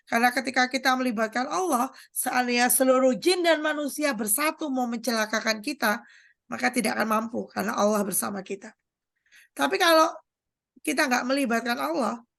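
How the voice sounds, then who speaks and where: A woman doctor delivers a faith-based motivational talk with a somewhat high, gravelly voice. She leans on homely analogies and speaks straight to her listeners. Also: fairly bright tone. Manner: explains with everyday analogies and acts out quotes; addresses the audience directly. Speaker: doctor giving a coaching talk.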